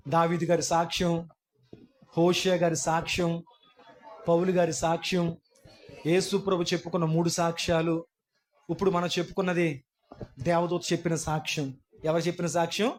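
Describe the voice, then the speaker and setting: A male pastor preaching a sermon in a church, questioning his congregation and rising to impassioned shouts. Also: sits high. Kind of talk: Easter sermon. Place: church hall.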